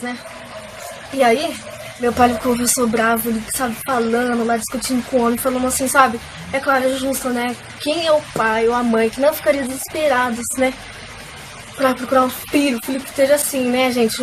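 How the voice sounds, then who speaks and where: A woman's voice: high voice, background noise. A young woman, emotionally telling viewers a personal faith testimony in a casual, filler-filled way. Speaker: vlogger.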